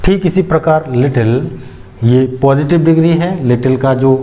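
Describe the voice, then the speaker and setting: A man teaches a grammar lesson at a measured pace. His voice sits slightly high but sounds warm and relaxed, and he keeps asking his class rhetorical questions. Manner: slow, step-by-step explanation with rhetorical questions. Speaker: English teacher. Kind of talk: explaining grammar on a whiteboard.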